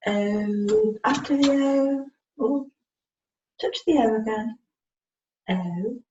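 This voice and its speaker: On a video call, a communication support worker patiently coaches a student one-to-one, spelling out letters and offering short, encouraging instructions as the student spells and writes. Her voice is a little high and mellow. The distant computer mic makes the indoor audio dull, roomy and noisy.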